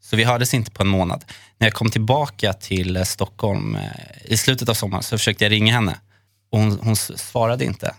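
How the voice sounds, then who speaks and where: A man hosting a podcast, telling a personal memory in an earnest, halting way with many fillers. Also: lowish voice, fairly even intonation, gravelly, fairly bright tone, dry recording, clean studio sound. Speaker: podcast host. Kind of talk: personal storytelling in a chat.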